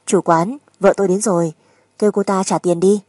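A woman's voice: mid-range voice, fairly even intonation, fairly quick, darkish tone, no room sound, clean studio sound, lightly acted. A woman narrator voicing a crude, spiteful gambler husband who speaks with mockery and menace in a dramatic audiobook. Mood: brusque.

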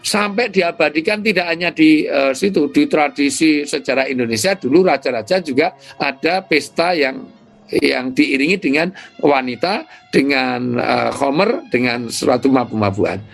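A man, an Islamic cleric, explaining ideas in an interview with lively storytelling. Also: fairly high pitch, moderate pace, vocal fry, faint music behind. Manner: lively storytelling with imitated sounds.

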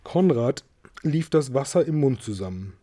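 A man reads a storybook aloud with a steady, even-toned delivery. His voice sits in a middle pitch and is mellow and soft rather than bright. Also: normal speed. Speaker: audiobook reader. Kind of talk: storybook reading.

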